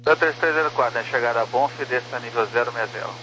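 A man's voice: mid-range voice, quick pace. Brazilian male controller on humming, noisy radio. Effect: radio transmission. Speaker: air traffic controller. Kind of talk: air traffic control radio instructions.

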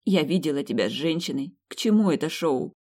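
A woman's voice: low-pitched, animated, brisk, a little mellow, slightly rough. A woman voicing a hurt, bitter pregnant young wife in an audiobook story reading.

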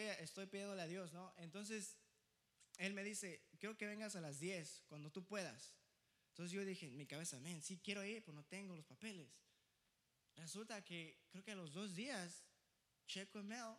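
Animated high-voiced young male preacher. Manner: animated, laughing, switches into English phrases. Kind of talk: storytelling sermon.

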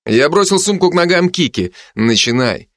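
A man narrating a first-person fantasy audiobook, his voice mid-pitched and steady. He reads in clipped phrases, and the recording is close and dry with no room sound. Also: normal speed, no echo.

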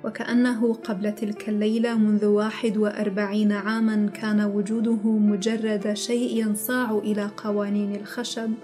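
Woman narrating a novel, dark mellow voice, pretty flat, steady read, faint music. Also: medium pitch. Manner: steady, even reading. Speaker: audiobook narrator. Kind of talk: scripted narration.

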